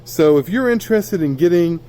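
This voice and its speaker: Higher-voiced mellow man touring a warehouse. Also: lively intonation, moderate pace. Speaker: warehouse seller giving a stock tour. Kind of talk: casual walk-through sales tour, off the cuff. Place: indoors in a cluttered warehouse, walking.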